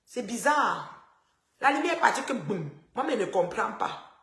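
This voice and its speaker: A woman, chatting and teasing her viewers on a phone live stream from a dark house. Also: a little high, very animated, normal speed, vocal fry, roomy sound. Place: house with the power cut.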